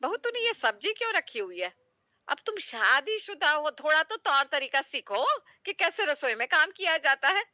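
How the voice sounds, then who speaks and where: A woman's voice: sits high, big pitch swings, moderate pace, bright, forceful tone, full character voice. An actress playing a nagging, doting middle-aged mother-in-law who scolds and preaches. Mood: scolding.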